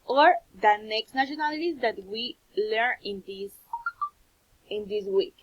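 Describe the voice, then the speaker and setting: A woman's voice: fairly high pitch, lively intonation, slightly rough, dull audio. A woman from Honduras with a Honduran Spanish accent, teaching a recorded English lesson and explaining things in both English and Spanish. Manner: slow, patient, repeats words for pupils to copy; switches between English and Spanish.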